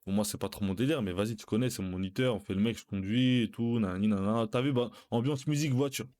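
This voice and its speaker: On a live stream, a young man with a lowish voice tells a personal anecdote at a quick pace. He's casual, slangy and animated, frequently addressing his listeners as brothers.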